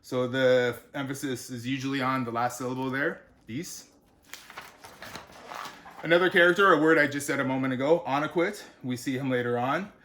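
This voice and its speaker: Man sounding out words slowly. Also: mid-range voice. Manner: relaxed, explanatory, with frequent fillers. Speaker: author. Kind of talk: unscripted pronunciation lesson.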